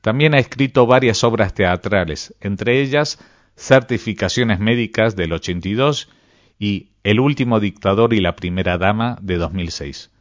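A male presenter reading a formal introduction in a measured way. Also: on the low side, dry recording, lo-fi sound. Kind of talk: scripted announcement.

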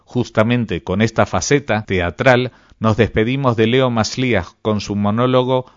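A male presenter reading a formal introduction in a measured way. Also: fairly low pitch, steady tone, dry recording, highs cut off. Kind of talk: scripted announcement.

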